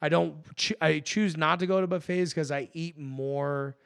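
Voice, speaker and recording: A young man co-hosting a podcast, a little tipsy and telling rambling, profane stories with laughter. His voice sits a bit high and has a gravelly edge. The sound is close and dry. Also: moderate pace, no echo. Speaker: podcast co-host. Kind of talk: casual chat.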